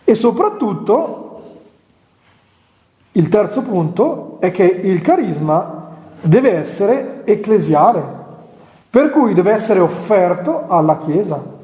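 Male friar preaching a relaxed retreat talk, higher voice, mellow tone, chatty with wry asides; echoey hall. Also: slow pace, long pauses. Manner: chatty, with humorous asides and chuckles. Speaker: Franciscan friar giving a retreat talk to nuns. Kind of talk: conversational spiritual talk. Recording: echoey hall with long reverb.

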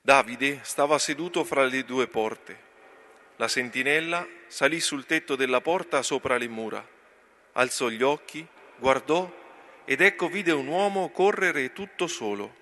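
A male lector reads scripture aloud at an unhurried pace, letting each phrase settle. His voice is bright and clear, and his pitch sits in an ordinary middle range. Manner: slow, deliberate reading. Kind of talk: scripture reading.

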